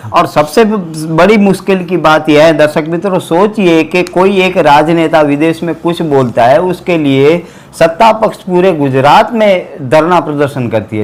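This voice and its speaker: A man hosting a web news interview, agreeing with his guest and turning to address the viewers. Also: fairly high pitch. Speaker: interview host.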